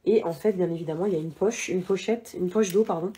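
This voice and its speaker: A young woman talks to her viewers in a quick, chatty stream. Her voice is a little husky, and she keeps restarting sentences and filling gaps with hesitations. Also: on the low side, warm tone. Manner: chatty, many fillers and restarts, addresses viewers directly. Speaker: vlogger giving running advice. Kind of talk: casual talk to camera.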